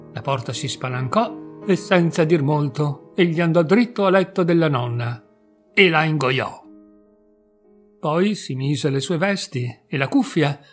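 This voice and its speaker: A man calmly reading a fairy tale aloud in a measured storytelling manner. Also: a little high. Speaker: narrator. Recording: soft background music.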